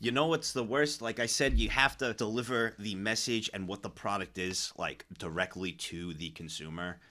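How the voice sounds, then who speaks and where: A man with a bright, tense voice delivers casual reaction commentary like a streamer. He is blunt and profane, ranting and circling back over his points. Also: fairly low pitch, normal speed, soft background music.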